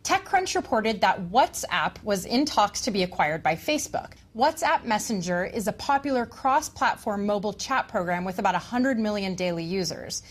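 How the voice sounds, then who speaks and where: A woman's voice: mid-range voice, expressive, moderate pace, few pauses. A woman co-hosting a scripted tech rumor show with upbeat, confident banter.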